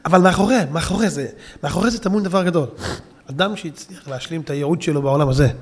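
A man giving a Torah sermon, telling a story with emphatic build-ups and sudden shouting peaks, and addressing the audience directly. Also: fairly high pitch, husky, long reverb tail. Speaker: rabbi preacher.

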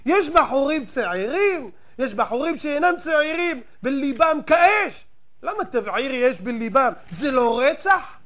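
High-voiced man preaching fiercely. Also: expressive. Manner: emphatic, rhetorical questions, swings between loud outbursts and quiet asides. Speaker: rabbi. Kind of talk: fiery moralizing sermon.

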